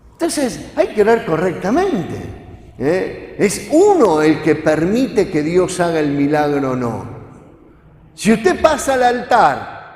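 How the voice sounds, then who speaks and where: A man's voice: high-pitched, darkish tone. A man preaching a sermon, talking conversationally and often asking the congregation questions. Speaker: pastor. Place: church hall. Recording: echoey church hall with long reverb.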